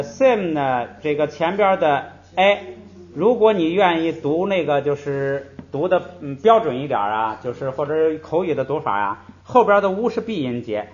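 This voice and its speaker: A man's voice: a little high, expressive, unhurried. A male language teacher giving a patient lecture, stretching out example syllables and dropping in little interjections between points. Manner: explains patiently, drawing out example syllables and often saying "hey" between points. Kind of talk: classroom-style lecture. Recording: slightly muffled recording.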